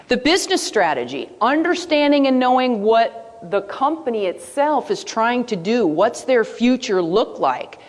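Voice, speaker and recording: A woman giving a live presentation, lively and asking her audience questions as she goes. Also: fairly high pitch. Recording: long hall reverb.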